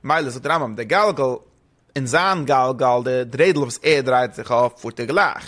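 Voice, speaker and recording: In a casual study session, a man with a medium-pitched, fairly bright voice explains a religious text at a fast, rambling pace. His speech drifts between languages, blending German with Hebrew and English terms.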